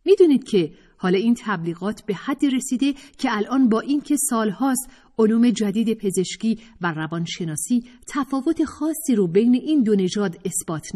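A woman's voice: mid-range voice, dark tone, voice pushed up, lightly acted. A woman narrator voicing an earnest young woman who presses her point and lectures the group. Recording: reverberant room.

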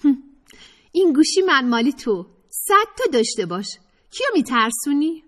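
A woman's voice: high-pitched, big pitch swings, voice pushed up. A woman narrator voicing a sarcastic, evasive young woman who teases and dodges serious questions. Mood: dismissive. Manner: teasing, sarcastic, dodging questions. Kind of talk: audiobook character voice.

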